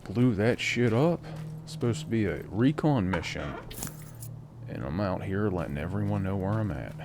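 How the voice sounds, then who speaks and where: Deep-voiced man with crude gameplay banter. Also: very animated, moderate pace, gravelly. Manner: crude, joking, rambling. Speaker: gameplay commentator. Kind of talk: casual let's-play commentary. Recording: game music loud behind the voice.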